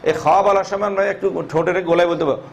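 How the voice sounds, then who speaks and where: A man's voice: sits high, steady tone, rapid-fire, noisy background. A man teaching how to pronounce Arabic letters, asking questions and answering them himself, drawing out each letter's sound. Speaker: Quran teacher.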